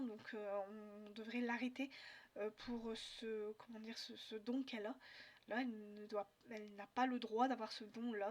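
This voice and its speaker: A French woman vlogging about her reading, talking casually with many pauses, fillers and restarts. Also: on the high side. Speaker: book vlogger. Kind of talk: casual book review chat.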